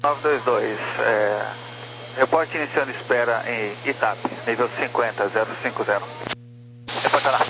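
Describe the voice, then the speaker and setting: A man's voice: mid-range voice, normal speed. Brazilian male controller on humming, noisy radio. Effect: radio transmission. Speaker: air traffic controller. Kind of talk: air traffic control radio instructions.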